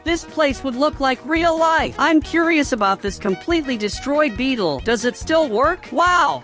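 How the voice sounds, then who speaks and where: High-pitched gaming video narrator over music. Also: fairly bright tone. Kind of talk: scripted Roblox video narration.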